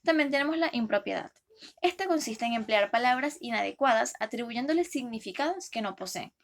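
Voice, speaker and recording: A young woman, a first-semester university student, reading a class presentation in a careful, steady way. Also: on the high side, brisk. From Venezuela. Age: young adult.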